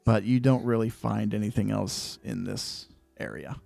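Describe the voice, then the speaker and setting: A man narrating a tabletop game as game master, describing scenes in a measured way with many fillers. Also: on the low side, expressive, gravelly, mellow, faint music behind.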